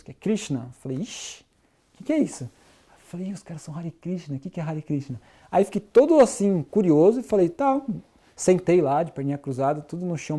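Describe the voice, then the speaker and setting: Man, very dark mellow voice, animated testimony storytelling, mimics sounds. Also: a little high. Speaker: testimony speaker. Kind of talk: spoken testimony.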